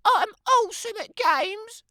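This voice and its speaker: A woman's voice: extremely high pitch, animated, a little slow, sharp tone, dry recording, studio quality, pitched above the performer's own voice, exaggerated voice. A woman voicing a vain, prissy little girl in a storybook, boasting and admiring herself in a sing-song manner. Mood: boastful, eager.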